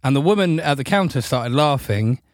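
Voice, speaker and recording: A man's voice: medium pitch, animated, normal speed, dry recording. A man co-hosting a studio podcast, chatty and laughing as he tells stories. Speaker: podcast co-host. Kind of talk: casual chat, storytelling. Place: London studio.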